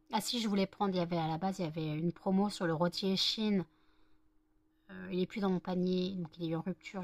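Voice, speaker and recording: A woman's voice: on the low side, a little mellow, no room sound. A woman vlogging casually at home, rambling and thinking aloud with many hesitations. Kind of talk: casual chat to camera.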